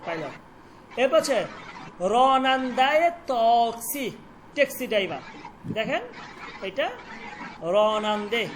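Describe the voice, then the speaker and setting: A Persian teacher who repeats words slowly for pronunciation and quizzes the students. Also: medium pitch, fairly bright tone, slight background noise, low-quality recording. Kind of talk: online language lesson.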